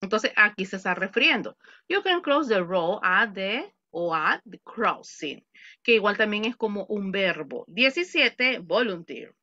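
A woman with a mid-range, expressive voice and a sharp tone teaches an online English class in Spanish at an unhurried pace, patiently repeating words and examples for her students. She's at home, speaking into a computer mic on a video call, and the recording is dry and lo-fi.

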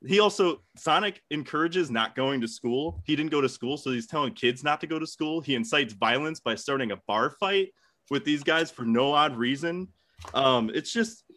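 A man with a mid-range, fairly bright voice takes part in an informal comedic debate, arguing bluntly and swearing casually. He's a debate contestant recorded indoors in a home room.

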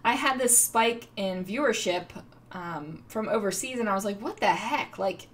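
A woman's voice: medium pitch, normal speed. A middle-aged woman hosting a casual scrapbooking video, chatting in a rambling, self-amused way with many fillers. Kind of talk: casual crafting chat. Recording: far from the mic, faint noise.

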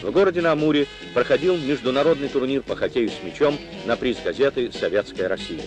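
A man's voice: medium pitch, fast. A man narrating an old newsreel in a formal, declamatory reporting manner. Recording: narration over loud music.

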